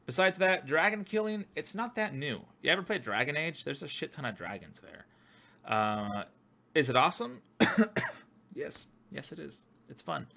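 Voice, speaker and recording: A man's voice: on the high side, animated, normal speed, creaky, sharp tone. A man hosting his own gaming channel, giving a casual, rambling opinion monologue full of fillers, restarts and swearing.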